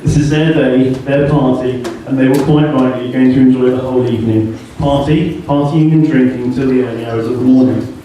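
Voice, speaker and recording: A man giving a joking best man speech in deadpan delivery at a wedding reception. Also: mid-range voice, a little fast, a little hiss or hum. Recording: echoey hall from far off, laughing crowd. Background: guests laughing.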